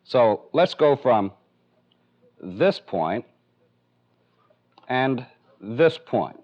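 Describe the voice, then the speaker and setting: An American man acts as the instructor in a training film, walking through a technical demonstration step by step in a methodical, plainly explanatory way. His mid-range voice swings widely in pitch, and he speaks very slowly. The audio is a dull, band-limited 1970s film soundtrack.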